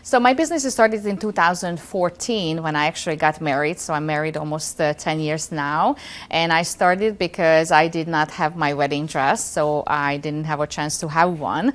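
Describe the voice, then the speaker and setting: Low-voiced woman with a Hungarian accent. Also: normal speed. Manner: earnest and talkative, with non-native grammar. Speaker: guest, wedding dress designer. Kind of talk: casual interview talk. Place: small studio set.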